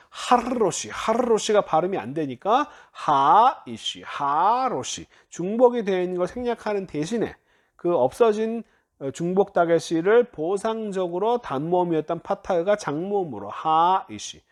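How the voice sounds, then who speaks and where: A man's voice: high voice, darkish tone. A man teaching Hebrew grammar in a lecture, explaining step by step with frequent prompts and self-corrections. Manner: explanatory, uses many "자" prompts, self-corrects and laughs lightly. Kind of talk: recorded classroom-style lecture.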